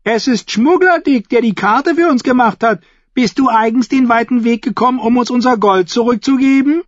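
A man voicing a crude, vicious male jester-outlaw who crows shrill, leering taunts. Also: normal speed, dry recording. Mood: gleeful mockery. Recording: dull, lo-fi and dry.

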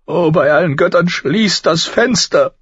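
A man voicing a grieving noblewoman and mother, frantic with fear, in high, shrill pleading cries. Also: takes it slowly, creaky, darkish tone, slightly rough, dry recording, dull audio, full character voice.

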